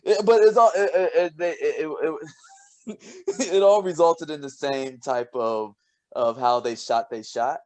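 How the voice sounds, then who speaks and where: A man co-hosting a casual podcast, telling stories with lots of laughter and restarts, and dropping low and quiet when he quotes himself. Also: a little slow. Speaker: podcast co-host, scientist. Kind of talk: casual storytelling chat.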